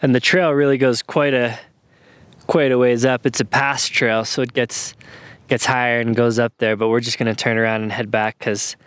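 A man in his thirties talks casually while camping outdoors. His voice sits at an ordinary middle pitch, and he explains things in an unhurried, easygoing way. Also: smooth, dry recording. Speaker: camping vlogger. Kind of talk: casual camping vlog narration. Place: outdoors at a mountain campsite.

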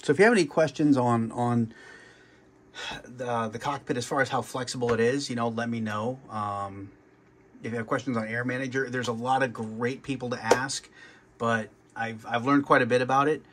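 A man's voice: mid-range voice, steady tone, normal speed, fairly bright tone, slight background noise. A man casually walking through his home flight sim cockpit, rambling and restarting his sentences. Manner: rambling, with many fillers and restarts. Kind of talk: casual show-and-tell walkthrough.

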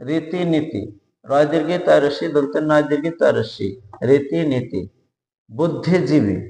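Man spelling words out slowly, echoey. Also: a little high, a little mellow. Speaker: spelling teacher. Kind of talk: spelling lesson for job exams. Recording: echoey room with long reverb.

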